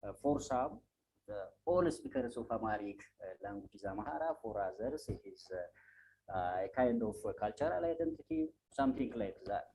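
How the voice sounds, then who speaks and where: A man with an Ethiopian accent presents at an academic conference in a soft, mellow voice with a gravelly edge. His delivery is halting, with repeated words and swings in pitch. A faint hum and noise sit behind him. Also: animated, rough recording. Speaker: academic presenter answering questions. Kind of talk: conference question-and-answer.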